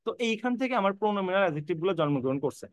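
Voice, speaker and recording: A man's voice: sits high, sing-song, very fast, clear, resonant tone, no echo. A man teaching an online English grammar class, repeating points and spelling words out letter by letter while reassuring his students. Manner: reassuring, addresses students directly. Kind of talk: online admission-prep lecture.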